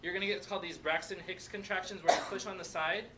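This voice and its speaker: A high-pitched man leads a lively classroom demonstration, constantly checking in with his students. He sounds distant from the microphone, with a noisy room behind him. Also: fast. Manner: animated, checks in with "right?" and "okay?". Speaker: teacher.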